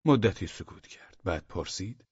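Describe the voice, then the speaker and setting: A male audiobook narrator reads in a low, husky voice with warm, measured pacing, sometimes dropping to near-whispers. The recording is dry and slightly dull, without much room sound. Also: expressive, no room sound.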